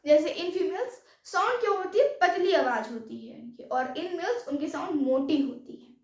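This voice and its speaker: A woman's voice: very high-pitched, animated, unhurried. A woman teaching a science class, explaining step by step in Hindi mixed with English terms and often asking if there are doubts. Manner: mixes English terms into Hindi, repeats checks like "any doubt". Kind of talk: classroom lecture. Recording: echoey room, voice from far off.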